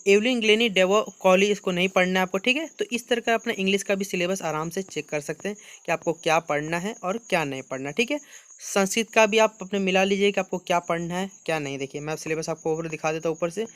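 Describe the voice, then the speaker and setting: A man's voice: high voice, fast talker, fairly bright tone, smooth, dry recording. A man, talking students through a syllabus and mixing Hindi with English terms. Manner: repeats "ठीक है" and "आपको", mixes Hindi with English terms. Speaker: teacher going over a syllabus. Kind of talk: screen-share walkthrough.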